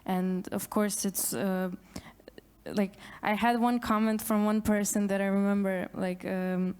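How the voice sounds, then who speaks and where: A woman musician speaking on a conference panel, a native Macedonian speaker talking in English, halting, with many restarts. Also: medium pitch, flat delivery, a little mellow, clean tone.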